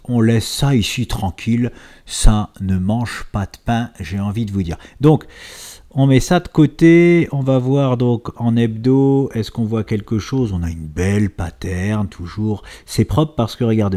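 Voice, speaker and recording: A man's voice: medium pitch, warm tone. Chatty man talking through market charts. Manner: chatty, self-interrupting, playful asides. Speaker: stock market analysis youtuber. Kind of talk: casual market commentary over charts.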